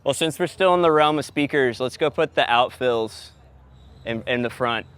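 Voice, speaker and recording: Chatting as he works on location, a sound engineer and host teases lightly while explaining the job. He has a mid-range, fairly bright voice at a moderate pace, and background noise is clearly heard in the on-location recording.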